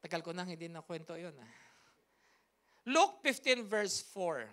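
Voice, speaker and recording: A woman's voice: fairly low pitch, expressive, measured pace. A woman pastor, telling a story in a sermon with emphatic, repetitive, rhythmic phrasing. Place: church service.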